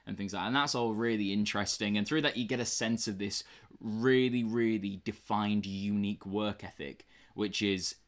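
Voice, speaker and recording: At a normal speed and a fairly low pitch, a young British man co-hosts a book review podcast. He chats casually and rambles, with frequent fillers and restarts.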